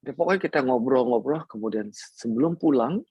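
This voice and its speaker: A man's voice: medium pitch, lively intonation, fairly quick, a little mellow, slightly rough, dry recording, lo-fi sound. A man preaching a sermon, telling personal stories in a playful way and mixing in English words.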